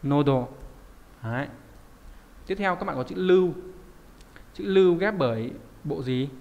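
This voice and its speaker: Male language teacher, chatty and questioning, lingering reverb behind him. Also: mid-range voice. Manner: chatty, asks the class rhetorical questions. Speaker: Japanese kanji teacher. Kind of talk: online lesson explaining kanji.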